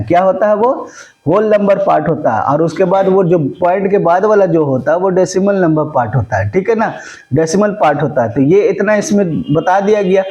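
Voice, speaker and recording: A man's voice: high voice, a little mellow, dull audio. A man teaching a maths lesson, often checking that his students follow along. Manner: mixes Hindi with English terms. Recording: echoey room.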